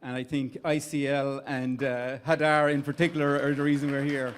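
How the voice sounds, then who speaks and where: A middle-aged man from Ireland, heading an investment firm, delivers casual opening remarks at a venue full of people, stumbling into restarts and fillers. His mid-range voice barely moves in pitch and keeps a moderate pace, with a little hiss or hum in the recording.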